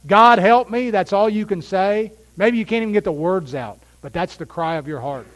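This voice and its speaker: A male pastor delivers a sermon in a somewhat high voice. He rises to loud, fervent peaks and then sinks into quiet, close asides. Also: normal speed, rough recording. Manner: swings from loud impassioned preaching to quiet intimate asides.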